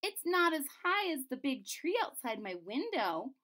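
A woman voicing a sick little girl princess in a storybook, speaking softly and weakly with a childlike lilt. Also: high-pitched, big pitch swings, unhurried, pitched above the performer's own voice, heavily acted. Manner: soft, weak, with a childlike lilt.

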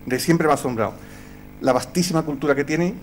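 A man with a slightly raised pitch tells tribute stories at a gala in a chatty way. He acts out the quoted lines as he goes, with a faint hum under his voice. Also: fast. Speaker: film director giving a tribute. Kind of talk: anecdotal tribute speech.

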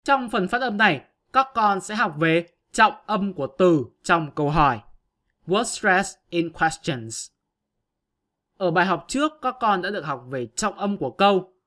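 A man's voice: high-pitched, expressive, unhurried, bright, forceful tone. A male teacher giving an online grammar lesson, patiently explaining step by step to his pupils.

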